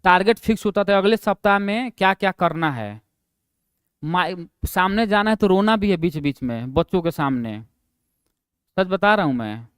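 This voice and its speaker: High-voiced chatty male teacher. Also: clear, resonant tone, dry recording, clean studio sound. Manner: chatty, laughs at his own stories, drops to a low mumble for quoted asides. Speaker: online exam-prep teacher. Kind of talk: casual classroom storytelling.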